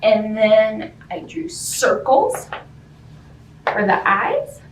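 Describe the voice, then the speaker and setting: Extremely slow and on the high side, this woman's voice swings widely in pitch while she hosts story time, reading a picture book with flair and asking little children simple questions. The sound is roomy and distant, and there's faint background noise.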